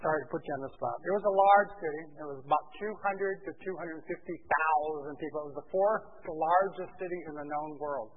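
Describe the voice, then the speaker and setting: A man's voice: a little high, fairly quick, hardly any pauses. Man teaching a Bible class over a thin, phone-like line. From Brazil. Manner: conversational, questions the class, many fillers. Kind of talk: informal Bible class lecture. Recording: phone-like lo-fi with faint hiss.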